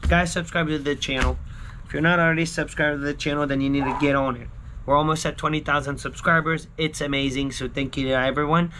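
A man in his thirties talks to his viewers in a somewhat high voice. His delivery is casual and slangy, circling back on short catchphrases. He is recorded outdoors at a backyard pool, with some light music behind him. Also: steady tone, fast talker, pushed and bright. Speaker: scratch-ticket video host. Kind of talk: casual vlog chat to viewers. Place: outdoors, backyard pool and screened poolside patio.

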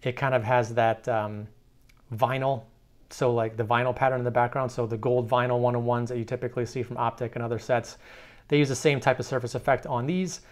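Man, casual hobby vlog host, relaxed chatty talk, indoor desk. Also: mid-range voice, a little fast. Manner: relaxed, chatty, many fillers and restarts. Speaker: card collector, channel host. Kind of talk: casual mail-day card vlog. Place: indoor card room.

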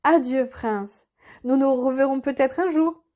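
Brief: grieving but wise vixen, read by a woman, calm and dignified storybook voice, high. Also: unhurried. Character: female fox, grieving mother, wise and dignified.

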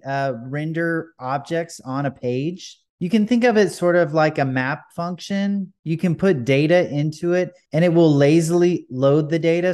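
A man hosts a coding tutorial as a voice-over on a desktop screen recording, chatting casually with frequent fillers. His voice is on the high side and a little mellow.

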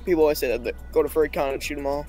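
Fast-talking blunt young-sounding guy. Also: a little high, fairly even intonation, a little mellow, faint music behind, low-quality recording. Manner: blunt, crude, laid-back, says dude a lot. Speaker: stranger on a video chat. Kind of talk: casual video chat.

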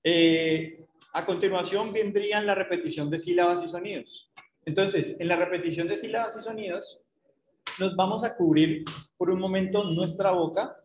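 Man, lecturer, rather high voice, explanatory, rhetorical questions, echoey room. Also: steady tone, moderate pace, slight background noise. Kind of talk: online university lecture.

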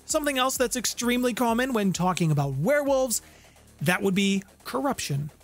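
A middle-aged man who hosts a tabletop game lore channel delivers a scripted explainer with playful, theatrical emphasis, his very high voice animated and brisk. He's recording indoors in a home room with guitars, close on a studio condenser mic with a pop filter, with background music playing.

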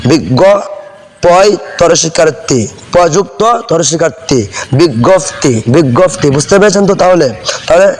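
A man with a high voice teaches spelling, breaking each word into its letters and saying it slowly again and again. He keeps pausing to ask whether the listener has understood. His voice carries a long reverb, as if recorded in a hall. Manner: spells words out slowly letter by letter, repeats them. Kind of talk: spelling lesson.

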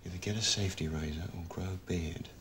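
An actor playing a stern, gruff man in a film, speaking curtly. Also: low voice, steady tone, quick pace, close to an everyday voice. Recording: film clip with background noise.

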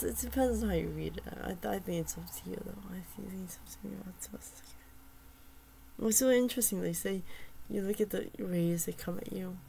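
A soft-spoken woman chatting casually about a poem and its translation. She talks hesitantly, with many fillers and restarts, and often drops to a near whisper. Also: fairly low pitch, creaky, slight background noise, poor audio.

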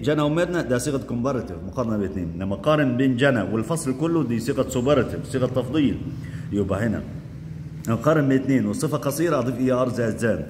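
A man teaching English grammar in Egyptian Arabic. He asks quick questions and answers them himself, and he drills the word forms aloud. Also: mid-range voice, a little mellow, long reverb tail, a little hiss or hum. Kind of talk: classroom grammar lesson.

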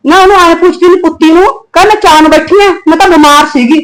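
A woman's voice: very high voice, fast, rough recording. An actress playing a fiery, scolding mother with a Punjabi accent who curses her daughter's in-laws. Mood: angry. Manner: abusive, fiercely protective, scolding.

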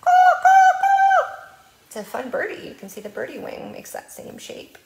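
A woman's voice: fairly high pitch, animated, fairly quick, vocal fry, noisy background. Playful librarian woman with American accent. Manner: playful sing-song when reading, with animal sounds. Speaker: children's librarian. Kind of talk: storytime reading and early literacy tips. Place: library room. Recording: echoey room.

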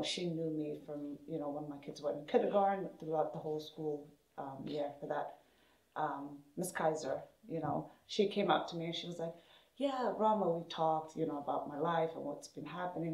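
A woman from Somalia, a hockey parent and player, tells her personal story in an interview at a normal pace. She's animated and acts out other people's words, raising her pitch for quoted speech. She's indoors in a room with equipment shelves, and the sound is roomy and echoey.

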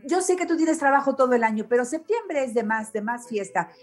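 A woman with a Mexican accent hosts a radio interview, her high voice quick and expressive. She's effusive and warm, constantly breaking into exclamations.

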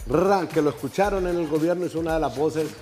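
A middle-aged man hosts a casual interview with a somewhat high, effusive voice and chats warmly about his guest. He holds a handheld mic on a TV set in a betting lounge, with faint music in the background. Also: a little fast. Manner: chatty, effusive, praising. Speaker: TV host.

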